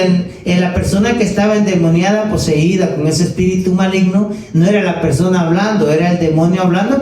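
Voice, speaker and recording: A male pastor delivers a sermon in a church sanctuary, his fairly high voice soft and mellow in tone. He leans on words slowly and poses questions to his listeners. The sound bounces around a reverberant room, picked up from some distance with faint ambience underneath. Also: slight background noise. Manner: preaching with slow emphatic stresses and rhetorical questions.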